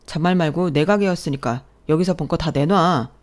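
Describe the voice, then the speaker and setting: A woman's voice: low voice, moderate pace, natural voice. A woman doing a stammering, evasive husband. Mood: defensive. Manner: stammering and defensive. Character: evasive, cornered husband hiding behind his mother.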